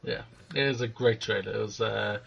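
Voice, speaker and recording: A man co-hosting a casual movie news chat, animated and swearing freely. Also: on the low side, moderate pace, vocal fry, breathy edge, lo-fi sound. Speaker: podcast co-host.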